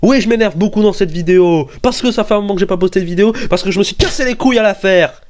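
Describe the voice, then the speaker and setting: A young man hosting a comedic video rant, excitable and swearing, often arguing with himself. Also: racing. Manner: excitable, swearing, jumps into high-pitched outbursts and argues with himself. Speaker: YouTube weapons video host.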